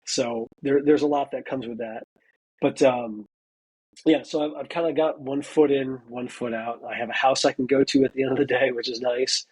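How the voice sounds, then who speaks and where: A man's voice: medium pitch, steady tone, moderate pace, darkish tone, slightly rough, poor audio. A man in his forties, a military veteran now in college, telling a story in a casual interview, with many fillers and acted-out quotes. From United States. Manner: chatty, lots of "you know" fillers, acts out quoted dialogue. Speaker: interview guest, veteran student.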